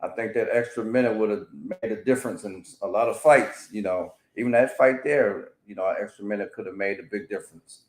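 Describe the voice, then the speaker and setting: A man's voice: on the low side, brisk, hardly any pauses, darkish tone. A man chatting casually about sports as a co-host, agreeable, laid-back and colloquial. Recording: roomy, echoey sound.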